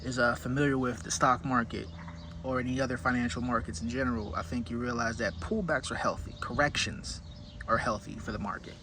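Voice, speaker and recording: Male host, mid-pitched voice, informal opinionated commentary, thinking aloud, clearly noisy recording. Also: steady tone, brisk. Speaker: whiskey review host. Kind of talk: casual solo commentary.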